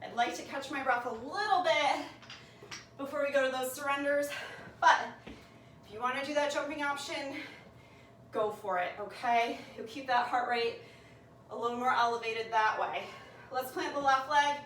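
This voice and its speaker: A woman's voice: high-pitched, moderate pace, long pauses, a bit bright, roomy sound, far from the mic, a little hiss or hum, rough recording. A woman leading a workout class, coaching and counting reps aloud while she exercises, winded and out of breath. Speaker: fitness instructor.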